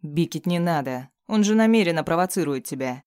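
A man's voice: on the high side, lively intonation, fairly quick, darkish tone, smooth, lightly acted. A man voicing a loyal male assistant who urgently tries to hold back his boss. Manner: urgent, pleading.

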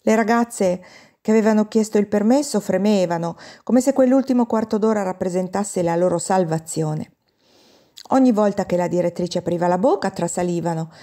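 Mellow-voiced woman reading a classic novel. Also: mid-range voice. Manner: expressive reading, lifting her voice for the girls' quoted lines. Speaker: audiobook reader. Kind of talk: scripted narration of a classic novel.

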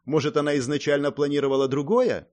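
A male reader voicing a proud, emotional young princess in an audiobook, with high-pitched, indignant outbursts. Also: steady tone, fast, darkish tone, natural voice. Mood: serious.

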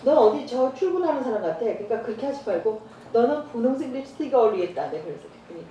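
A woman's voice: a little high, very fast, highs cut off. Woman preaching in an echoey church hall. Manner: storytelling, acts out dialogue with lively voices. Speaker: evangelist preacher. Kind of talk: church training talk with anecdotes. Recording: roomy church hall, far from mic, faint noise.

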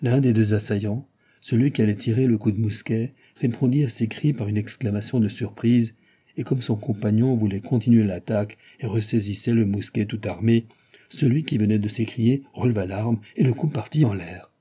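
An audiobook reader gives scripted narration of a novel in a dark, mellow voice with a husky edge, at a moderate pace. His reading is lively, rising sharply whenever characters shout, while the tone remains low and warm throughout.

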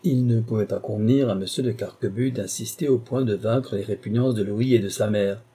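A man narrating a classic novel as an audiobook reader in a measured, even storytelling manner. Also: lowish voice, breathy edge.

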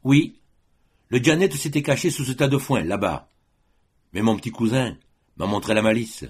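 A man voicing a boastful gendarme sergeant who greets people loudly and with too much friendliness. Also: mid-range voice, normal speed, breathy edge, close to an everyday voice. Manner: hearty, loud, overly friendly.

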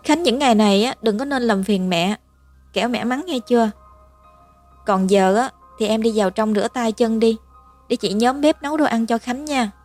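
A woman voicing a gentle, soft-spoken young girl. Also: on the high side, normal speed, faint music behind, pitched above the performer's own voice, lightly acted. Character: gentle tearful teenage girl, caring older sister.

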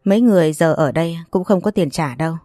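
A woman's voice: lowish voice, fast, dark tone, no echo, studio quality, lightly acted. A woman voicing a firm, reproachful older man who is the family elder in a read-aloud story.

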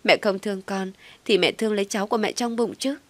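A woman's voice: mid-range voice, steady tone, quick pace, no room sound, pitched above the performer's own voice, close to an everyday voice. A woman voicing a scheming young pregnant wife who snaps back and fakes begging. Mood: pleading. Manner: defiant, then whiny begging.

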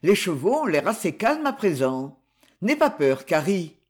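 Narrator doing a polite rich old dad, gushing thanks, lively tone. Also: male voice, high voice, a little slow, slightly rough, heavily acted. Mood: grateful. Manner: effusive, polite gratitude. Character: courteous, well-off older father, mine expert.

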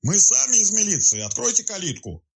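A man voicing an excitable police detective who blurts his lines out of breath, in a raised, husky voice. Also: on the high side, brisk, voice pushed up, exaggerated voice. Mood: excited.

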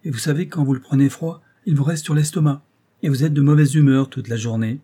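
A man reading aloud and voicing a fussy, devoted old male valet, speaking loudly and coaxingly. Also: medium pitch, steady tone, a little fast, breathy edge, pitched above the performer's own voice, natural voice. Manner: fondly coaxing, raised voice.

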